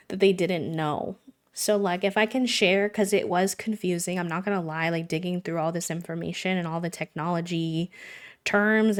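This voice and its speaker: A woman livestreamer chatting earnestly with her viewers, talking casually with lots of "like"s. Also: on the low side. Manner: earnest, conversational, many "like"s. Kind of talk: casual live-stream chat.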